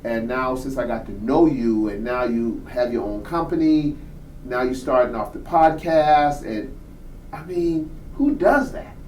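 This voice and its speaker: A man's voice: mid-range voice, a little slow, darkish tone, reverberant, far from the mic, a little hiss or hum, poor audio. A man in his fifties, a reverend, interviewing a younger guest in a probing way and repeating his questions. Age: 50s. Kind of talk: conversational interview.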